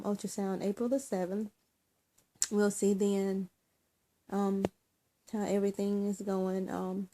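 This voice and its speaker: A woman talking in a casual personal vlog, emotional and teary, halting with many ums and restarts. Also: mid-range voice, warm tone, a little hiss or hum. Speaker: vlogger.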